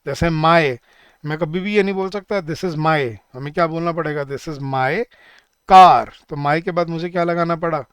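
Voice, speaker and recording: A young man with an Indian accent teaching an online grammar lesson, chatty, calling viewers guys and slowing down for example sentences. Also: on the high side, fairly even intonation, fairly bright tone, clean tone, dry recording, studio quality. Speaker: English teacher.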